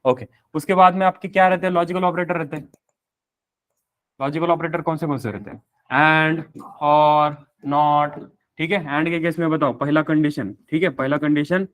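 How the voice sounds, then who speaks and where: A man's voice: fairly high pitch, steady tone, normal speed. A man teaching a live programming class, explaining step by step, mixing in English technical terms and asking the students rhetorical questions. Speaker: programming instructor. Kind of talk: live classroom coding lecture.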